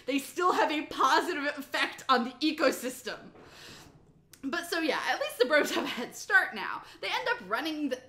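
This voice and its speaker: Her voice is very high-pitched, pushed and bright, bouncing around an echoey room. As an amateur reader of a comic myth retelling, she delivers a sassy, emphatic dramatic reading, elongating words for comic effect in animated, profane narration.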